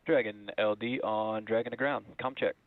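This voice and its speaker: Male launch official on radio: low-leaning flat delivery, procedural calls through a thin line. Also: moderate pace, dry recording, narrow, tinny audio. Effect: radio transmission. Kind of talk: procedural radio comm check.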